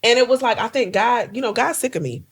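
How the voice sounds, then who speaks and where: A woman's voice: a little high, animated, quick pace, breathy edge. A young woman from New Jersey co-hosting a podcast in casual chat, joking and laughing often. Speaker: podcast co-host.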